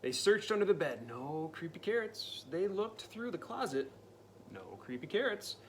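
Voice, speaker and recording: A man reading a picture book aloud to a child, dramatic and playful, dropping into spooky whispers and jumping to loud cries. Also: high-pitched, sing-song, moderate pace, slight background noise. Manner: playful asides to the listening child. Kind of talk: storybook read-aloud.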